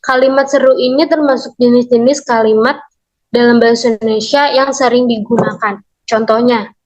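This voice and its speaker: A young woman, a university student, reading a lesson summary aloud in a steady, list-like way, numbering each point. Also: fairly high pitch, normal speed, highs cut off. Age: young adult.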